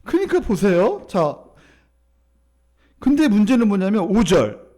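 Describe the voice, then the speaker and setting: A man's voice: high-pitched, sing-song, unhurried, dark tone. A male pastor giving a conversational sermon, often asking the congregation questions.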